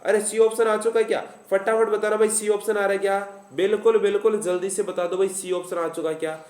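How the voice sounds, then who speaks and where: A man's voice: sits high, little pitch movement, quick pace, darkish tone, reverberant. A man with a Rajasthani accent teaching a live online exam-prep class. He repeats his lines and plays out the students' answers himself.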